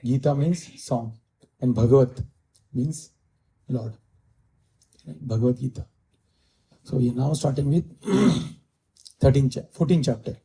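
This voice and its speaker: A man's voice: medium pitch, a little slow, vocal fry, long pauses, dark tone, rough recording. A man with an Indian English accent giving a scripture lecture, repeating key phrases and slipping into Hindi. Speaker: spiritual teacher giving scripture class.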